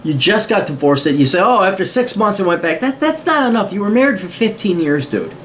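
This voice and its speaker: Brisk and sing-song, this high, fairly bright male voice belongs to an American podcast host who reads out a listener's letter and responds. He's blunt, swears a lot, and slips into mocking voices for asides, giving a casual profane advice monologue over slight background noise.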